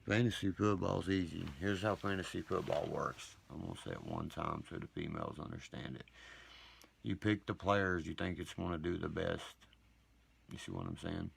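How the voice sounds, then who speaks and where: Very deep, gravelly man ranting on a livestream. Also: sing-song, moderate pace, slight background noise. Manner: profane, boastful, ranting; reads and answers viewer comments. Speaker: livestream host. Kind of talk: rambling livestream monologue.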